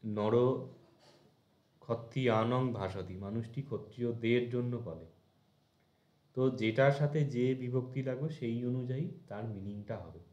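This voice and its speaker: A man's voice: mid-range voice, a little mellow, reverberant, lo-fi sound. A man teaching a language lesson with a Bengali accent, patiently breaking words into syllables and repeating endings. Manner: slow, patient, spells out word endings syllable by syllable.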